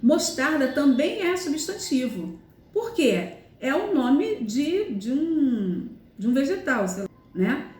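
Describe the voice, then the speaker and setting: Speaking slowly in a high, sing-song, slightly mellow voice, a female Portuguese teacher explains grammar step by step in an echoey room. She repeats examples and regularly checks understanding with "tá?" and "né?" during this recorded lesson.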